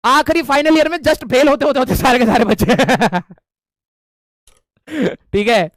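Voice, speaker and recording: A man teacher telling a funny story to his class, animated and laughing often. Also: extremely high pitch, measured pace, no room sound, clean studio sound. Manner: animated, laughing, frequent filler checks.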